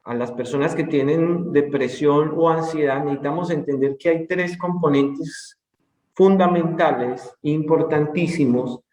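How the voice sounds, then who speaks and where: A man giving a conference lecture, explaining calmly and repeating key points. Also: a little high, a little slow. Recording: roomy echo.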